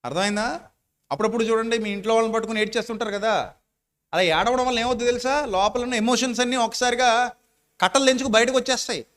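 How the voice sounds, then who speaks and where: Man, middle-aged, high voice, sermon, rhetorical questions, repetition, loud and soft swings. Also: steady tone, fast. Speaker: pastor.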